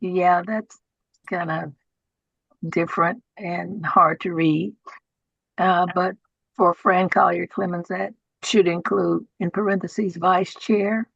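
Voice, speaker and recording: A husky-voiced woman leads a formal meeting as chair, taking her time in a halting, procedural manner. Her voice is low and full of fry. The sound is dull and lo-fi, as on an online call. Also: steady tone, a bit bright, no room sound. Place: video call.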